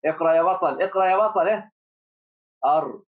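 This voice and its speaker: A man teaching first graders online, encouraging the class, repeating words slowly and asking them questions. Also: high voice. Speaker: primary school teacher. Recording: tinny phone-like audio.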